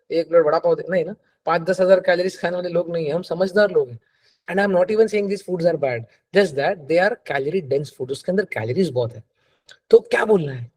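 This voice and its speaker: A middle-aged man with a slightly high voice coaches a live audience, sliding between Hindi and English. He acts out his clients' excuses in quick little voices as he makes his points. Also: a little mellow. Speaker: fitness coach. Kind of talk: live masterclass talk.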